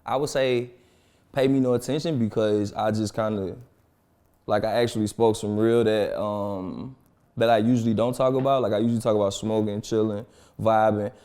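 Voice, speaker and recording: A man's voice: lowish voice, steady tone, moderate pace, warm tone, smooth. Twenty-six-year-old man, playful and teasing. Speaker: rapper, crew member. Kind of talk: casual group interview.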